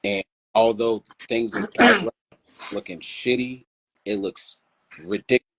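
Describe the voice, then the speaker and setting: A man's voice: mid-range voice, big pitch swings, unhurried, gravelly, a bit bright, breathy edge, no echo, rough recording. Man's voice cutting out on a call. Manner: earnest, fills with "you know". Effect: voice cutting in and out over a call. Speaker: podcast guest. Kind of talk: casual podcast conversation.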